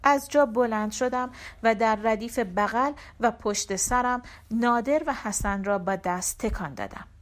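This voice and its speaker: A woman reading a short story for an audiobook in a measured, steady storytelling manner. Her voice sits fairly high for a woman. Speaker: audiobook narrator.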